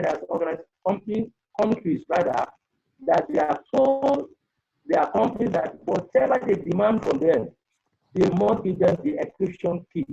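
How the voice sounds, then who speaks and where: High and creaky, with a dark, slightly rough tone, this man's voice comes through a muffled recording. He is an earnest webinar panelist offering data protection advice on a video call via an earphone mic, tending to repeat himself as the online conference call breaks up.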